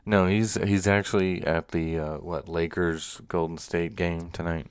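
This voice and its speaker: A man with a deep, low voice hosts a casual podcast. He is relaxed and chatty and laughs easily. The sound is dry and close, with no room around it. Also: measured pace, smooth, dry recording. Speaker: podcast host.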